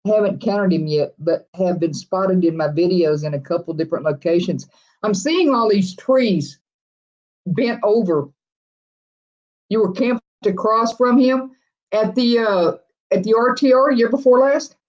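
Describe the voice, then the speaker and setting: A friendly livestream host with a drawl reads viewer comments aloud and answers them in easy, rambling chat. The middling, slightly mellow voice moves at a measured pace, with frequent chuckles and restarted sentences, all in dull, lo-fi audio.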